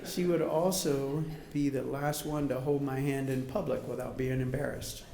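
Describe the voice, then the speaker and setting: A man's voice: medium pitch, steady tone, normal speed, gravelly, dark tone. Echoey middle-aged man giving an emotional wedding toast. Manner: emotional, holding back tears. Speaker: father of the bride giving a speech. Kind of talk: wedding toast, heartfelt prepared speech. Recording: echoey room.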